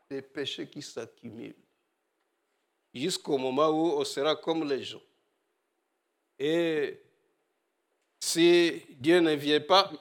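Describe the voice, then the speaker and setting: A man preaching a sermon with a high-pitched voice and an unhurried, deliberate pace. He is animated, rising to loud exhortation and then dropping to quiet asides.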